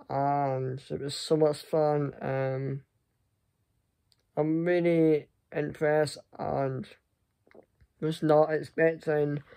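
A young man chatting casually to camera in a halting, rambling way that often trails off. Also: on the high side, mellow, smooth. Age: young adult. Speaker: vlogger. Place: small furnished room indoors. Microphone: phone at arm's length.

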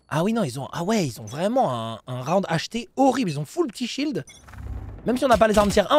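High creaky-voiced excitable man. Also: dry recording. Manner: excitable, bursts into shouts, repeats phrases. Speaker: esports team streamer commenting a match. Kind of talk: excited live match commentary.

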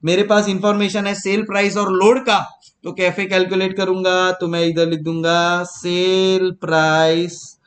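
High-pitched guy teaching, slow and teasing, says stuff over and over. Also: flat delivery, fairly bright tone. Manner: teasing and repetitive, mixing Hindi and English. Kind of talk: playful classroom lecture.

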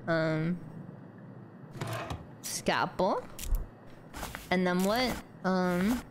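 Young woman streamer, giggly, lots of um, slow drawl, noisy rain behind her. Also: fairly low pitch. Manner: talks to chat, animated, giggly, mumbles "um" often. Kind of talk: casual gameplay commentary.

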